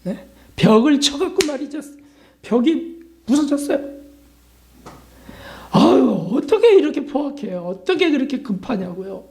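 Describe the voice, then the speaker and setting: Animated Korean pastor with a mellow voice. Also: male voice, a little slow, long pauses. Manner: animated, with sudden jumps in pitch and loudness; keeps asking the congregation questions such as "right?". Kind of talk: Lenten sermon.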